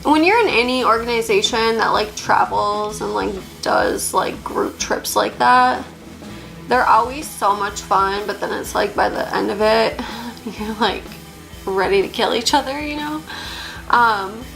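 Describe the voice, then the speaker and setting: A woman's voice: mid-range voice, measured pace, creaky, a bit bright, faint music behind, poor audio. A young woman chatting casually while doing her makeup, full of "like" fillers and a slight lisp at times. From Upper Peninsula, Michigan. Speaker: beauty vlogger. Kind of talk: casual get-ready-with-me chat.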